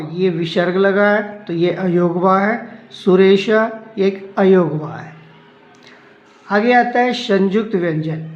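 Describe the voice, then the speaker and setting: Male teacher, high voice, unhurried step-by-step explainer, roomy lo-fi recording with faint music. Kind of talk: explaining a Sanskrit lesson.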